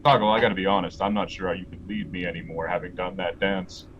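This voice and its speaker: A man's voice: deep voice, fairly even intonation, quick pace, dull audio, slight background noise. A man playing a tabletop game in character, speaking in a dry, teasing way. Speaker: player.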